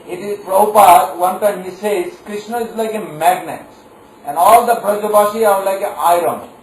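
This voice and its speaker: A man with a high-sitting voice and moderate pace delivers a devotional sermon before a live crowd in a large hall, often testing listeners with questions. The audio carries hall echo, faint noise, and a far-off microphone.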